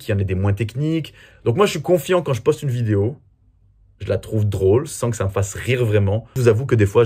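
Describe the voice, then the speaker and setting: A man's voice: lowish voice, a little mellow, breathy edge. A man from France answering viewer questions in a casual, chatty and self-mocking way. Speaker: comedy video creator. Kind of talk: casual Q&A vlog.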